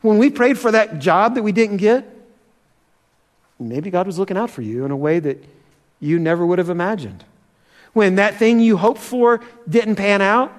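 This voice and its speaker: A pastor giving an earnest sermon, slowing down to stress key points and challenging his listeners. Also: sits high, big-room sound. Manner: earnest, challenging, slows for emphasis.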